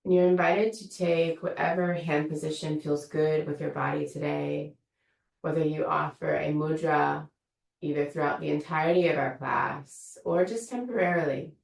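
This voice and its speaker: A meditation teacher in the room of an online yoga studio guides a session in a low, gravelly voice with fairly even intonation. She speaks slowly, soothingly and invitingly, and because she stands some way from the mic, the room adds an echo.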